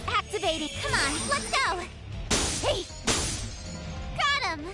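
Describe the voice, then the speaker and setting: A woman's voice: extremely high pitch, sing-song, slow pace, bright, forceful tone, soft background music, exaggerated voice. An actress playing a feisty young adventurer girl in an anime-style video game, emphatic and defiant. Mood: determined.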